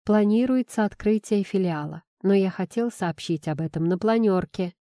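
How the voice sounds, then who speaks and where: A woman reading puts on a middle-aged boss who is stern on the surface but fond underneath. He speaks in a dry, teasing way, sighing between lines, with a mellow, unhurried tone. The recording is dry and close. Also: mid-range voice, no echo, lightly acted.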